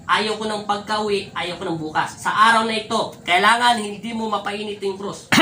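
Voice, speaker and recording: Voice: medium pitch, normal speed, sharp tone. Stern preachy folk healer bossing spirits around, kinda far from the mic, echoey room. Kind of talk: healing session commentary and commands to spirits.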